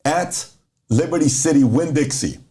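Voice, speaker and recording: His voice sits on the high side and moves at a normal pace. A middle-aged Iranian guest on a podcast, he tells motivational stories and animatedly acts out each exchange.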